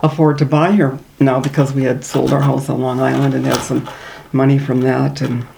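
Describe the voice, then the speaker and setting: A woman's voice: a bass voice, flat delivery, moderate pace, creaky, mellow, a little hiss or hum, low-quality recording. An older woman from northern Minnesota with a Minnesota accent, telling stories in an oral history interview, chatty and laughing between them.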